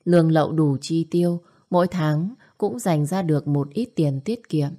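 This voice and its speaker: A woman narrating an audio story in a steady, even read. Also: low voice, moderate pace.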